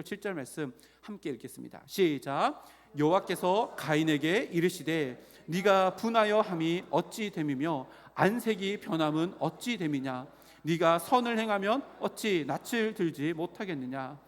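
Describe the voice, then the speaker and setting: A man's sermon with a slightly high voice. He preaches as a pastor in a church sanctuary, asking rhetorical questions and earnestly pushing his point. Long reverb from the church hall lingers behind his voice. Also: darkish tone. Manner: earnest preaching with rhetorical questions, leads the congregation in reading aloud.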